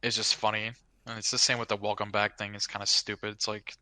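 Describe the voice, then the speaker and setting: A man's voice: lowish voice, level tone, fast, bright, forceful tone, dry recording. A man being interviewed as a podcast guest, explaining things steadily in a rambling way with lots of "you know" and "like". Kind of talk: casual interview talk.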